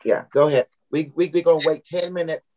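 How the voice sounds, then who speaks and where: Cambodian accent guy doing a casual live talk, talks really fast, kinda high voice, repeats words, rough grammar. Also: steady tone, mellow. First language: Khmer. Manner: switches languages, repeats words, non-standard grammar. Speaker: trainer and group leader.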